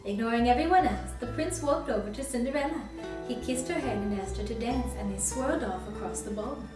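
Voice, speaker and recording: A woman with a fairly high voice reads a storybook a little fast, playing a princess for young children. She's expressive, sweet and encouraging, inviting the kids to join in, captured on a distant mic in a very echoey space with faint music.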